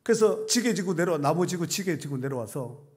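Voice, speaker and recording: A middle-aged male pastor preaches a sermon in a church sanctuary, his voice a little high, animated, fairly quick and a little mellow. He tells stories conversationally and reads scripture with rising emphasis.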